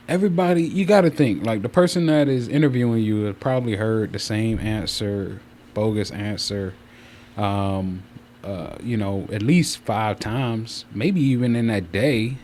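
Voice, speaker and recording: A fan's noise sits faintly behind a man with a mid-pitched voice, recorded in a room at home. He talks casually as a livestream host, wandering through his thoughts and repeating phrases as he finds his way back. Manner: rambling, circles back and repeats himself. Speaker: streamer hosting a channel. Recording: clear steady fan noise. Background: fan running.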